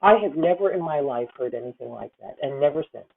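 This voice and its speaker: A fast-talking woman in her fifties with a low, animated, slightly rough voice and vocal fry coaches a singer over a tinny video call. As the voice teacher in this masterclass, she rambles effusively and calls her student honey.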